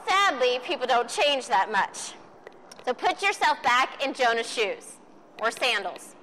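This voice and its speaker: Animated high-voiced woman preaching. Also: unhurried, slight background noise. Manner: animated, playful retelling with audience questions. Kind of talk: lively sermon to a group. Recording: reverberant hall.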